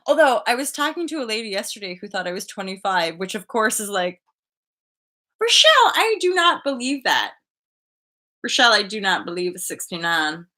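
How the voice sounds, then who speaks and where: A woman in her thirties hosting a casual live chat from a bedroom, chatty and animated, full of likes and restarts, heard through a webcam mic. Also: mid-range voice, normal speed. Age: 30s. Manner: animated, gestures a lot, laughs often. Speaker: livestream host. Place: bedroom indoors. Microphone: webcam at desk distance.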